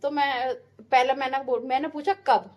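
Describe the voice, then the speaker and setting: Chatty high-voiced mother vlogging at home. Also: brisk, highs cut off. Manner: chatty, homely, advice-giving, drifting into heartfelt reflection. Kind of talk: casual vlog voice-over.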